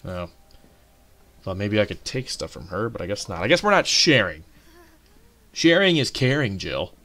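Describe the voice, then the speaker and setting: A man's voice: lowish voice, big pitch swings, normal speed, pushed and bright. A man hosting a let's play, joking sarcastically and swearing at the game as he plays. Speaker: gaming channel host.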